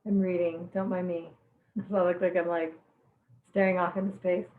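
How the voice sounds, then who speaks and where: A woman's voice: on the low side, flat delivery, moderate pace, reverberant, narrow, tinny audio. A woman teaching a live online cooking class, chatty and bubbly, teary-eyed from chopping onions. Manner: bubbly, chatty, laughs at her own jokes.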